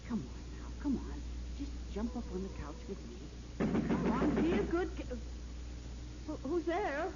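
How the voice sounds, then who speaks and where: An anxious, high-voiced woman, vintage radio drama. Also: wildly swooping pitch, moderate pace. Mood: uneasy. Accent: American. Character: frightened woman haunted by nightmares, pleading and anxious. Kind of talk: 1940s radio drama acting. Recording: muffled, noisy 1940s radio recording.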